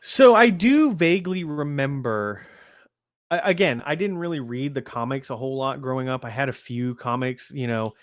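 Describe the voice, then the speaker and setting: A man from the Bahamas chats casually in a film review, animatedly telling stories and acting out quotes. His mid-range voice moves at normal speed, recorded at studio quality with no room sound.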